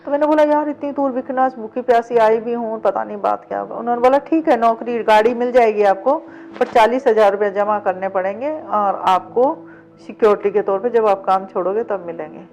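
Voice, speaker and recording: A woman's voice: a little high, fairly quick, a little mellow. A middle-aged woman telling her own life story in an interview, acting out the past conversations as she goes. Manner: vivid retelling that acts out past dialogue. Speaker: interview guest, cab driver. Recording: dull lo-fi sound with faint background music.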